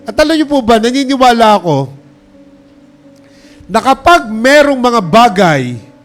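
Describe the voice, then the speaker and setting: A pastor preaching a sermon, calling out to the congregation and mixing English phrases into his talk. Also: very high voice. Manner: preaching with call-and-response, urging applause.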